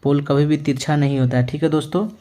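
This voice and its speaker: A male maths teacher explaining a lesson to students, asking them questions and answering them himself, often checking in with "okay" as he writes out words slowly. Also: on the high side, fairly even intonation, mellow. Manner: ends phrases with a reassuring check-in. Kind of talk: classroom-style lesson.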